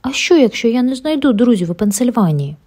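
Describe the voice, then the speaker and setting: A woman voicing a cheerful, friendly young vampire girl in a storybook read-aloud, with a breathy voice. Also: on the high side, big pitch swings, brisk, mellow, voice pushed up. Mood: worried.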